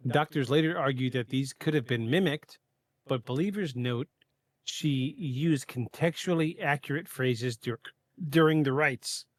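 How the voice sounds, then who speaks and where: A man hosting a podcast, reading a prepared script in a measured way, with occasional stumbles and quick asides. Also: medium pitch, no room sound, clean studio sound. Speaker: podcast host. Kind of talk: scripted narration of a paranormal case.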